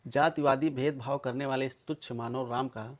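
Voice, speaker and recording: Male commentator, mid-pitched, emphatic, accusing delivery straight to camera audience. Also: steady tone, moderate pace, faint music behind. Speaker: video commentator. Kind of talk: polemical monologue to viewers.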